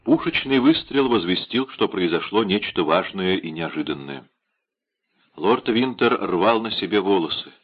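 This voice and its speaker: A man narrating a classic adventure novel in an expressive, dramatic literary reading. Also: sits low, a little slow, breathy edge, highs cut off. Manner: dramatic, steady storytelling. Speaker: audiobook narrator.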